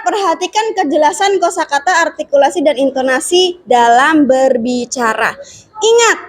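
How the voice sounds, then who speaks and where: A woman teacher in a classroom, explaining steps to her students and teasing them with questions. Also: high voice. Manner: lively, asks the class questions and teases. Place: school classroom.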